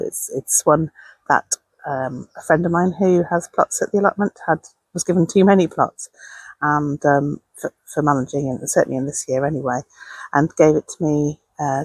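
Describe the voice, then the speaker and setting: A woman's voice: low voice, a little mellow, breathy edge, no room sound, low-quality recording. A woman talking casually and chattily outdoors, as if keeping a gardening video diary. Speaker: allotment gardening vlogger. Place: outdoors on an allotment.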